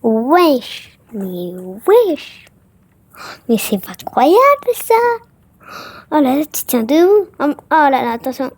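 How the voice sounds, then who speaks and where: A woman's voice: sits high, big pitch swings, slow, creaky, darkish tone, no echo. A woman casually commenting on a game she plays for viewers, chatty and full of exclamations and filler words. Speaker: gaming vlogger.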